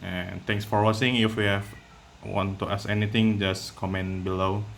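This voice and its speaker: A man giving casual gameplay commentary from home, talking in a halting way with loose phrasing and many pauses. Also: lowish voice, level tone, creaky. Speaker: gameplay video maker. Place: at home with a cat nearby. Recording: noisy background hiss.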